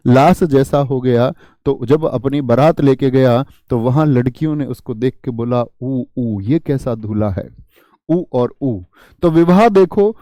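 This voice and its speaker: Male teacher, mellow slightly high voice, dry close sound; quizzes the class, repeats answers, uses mnemonics. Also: no room sound. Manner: uses memory tricks and jokes. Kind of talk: classroom lesson.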